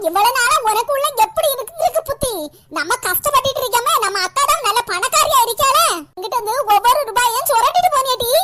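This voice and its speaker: A voice actor playing a hot-tempered, betrayed elder sister in a cartoon, speaking with a Kanyakumari Tamil accent and a shrill, scolding manner. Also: pushed and bright, exaggerated voice.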